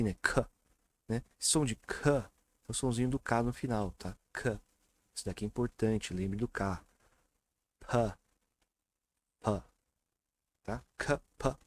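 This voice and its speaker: A man's voice: medium pitch, a little mellow. A man from Brazil teaching English pronunciation in a casual online lesson, chatty, often repeating sounds with emphasis.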